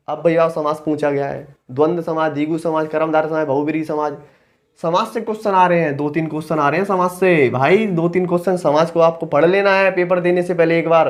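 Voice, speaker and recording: A young man, an exam coaching teacher, talking students through which topics come up, in a blunt, colloquial way with joking jabs at the examiner. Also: sits high. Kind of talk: exam analysis talk to aspirants.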